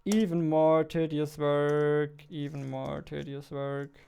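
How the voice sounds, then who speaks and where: A game developer in his twenties talks casually on a livestream while working at his indoor computer desk, muttering and repeating phrases as he goes. His somewhat high voice is warm and smooth, delivered flatly and slowly with vocal fry. Keys and mouse clicks can be heard in the background.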